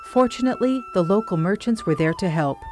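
A woman reading scripted documentary narration in a calm, measured voice-over. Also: medium pitch, faint music behind. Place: studio voice-over.

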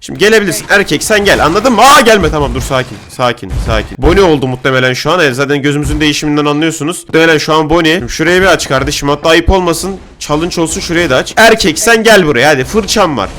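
A young man doing excited let's-play commentary on a horror game, loud and jokey, shouting at the game's characters. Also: a little high, very fast, hardly any pauses, slight background noise. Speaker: gaming YouTuber. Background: game music.

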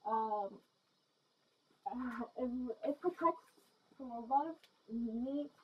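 A woman's voice: on the high side, slow pace, breathy edge, lo-fi sound. A woman chatting casually in a vlog while wearing a gas mask, rambling and giggly with many ums and restarts. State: talking through a gas mask. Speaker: vlogger.

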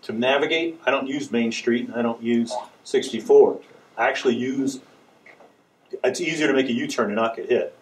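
At a town hall public comment, a resident in the audience raises a detailed, persistent complaint about a turn, mixing in wry humor. He speaks with a mid-range voice at normal speed, indoors in a meeting room with slight background noise.

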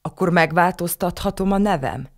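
A woman's voice: fairly low pitch, pitched above the performer's own voice, close to an everyday voice. A woman voicing a furious little girl in an audiobook. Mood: pleading. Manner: yelling, demanding.

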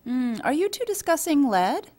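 A woman reading an English voice-over for a signed conversation, explaining things in a steady storytelling way. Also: high voice, moderate pace. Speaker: voice-over for a signing speaker. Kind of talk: scripted dialogue voice-over.

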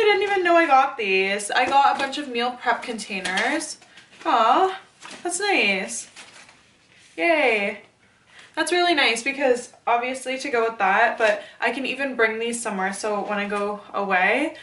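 A young woman rambles through a casual vlog in a bright, slightly high voice, dropping the odd swear word. She talks to a nearby camera in a small, echoey bedroom with a faint hiss in the background. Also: recorded from a distance. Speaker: fitness vlogger. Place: small bedroom, then inside a parked car.

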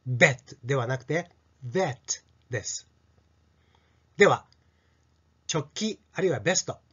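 A middle-aged man teaching pronunciation to children, stretching out each sound slowly as he demonstrates it, on a dull lo-fi recording. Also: fairly high pitch, expressive, fairly bright tone, husky. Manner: slow, drawn-out sound demonstrations. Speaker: English teacher.

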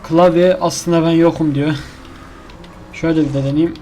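A man's voice: a little high, steady tone, moderate pace, mellow, a little hiss or hum. A man giving casual commentary over his own gameplay, exasperated and complaining to himself as he keeps failing. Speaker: gaming YouTuber.

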